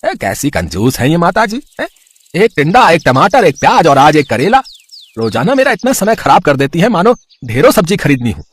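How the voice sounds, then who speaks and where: A man's voice: on the high side, huge pitch swings, normal speed, breathy edge, exaggerated voice. A man voicing a grumbling street vegetable seller in a cartoon.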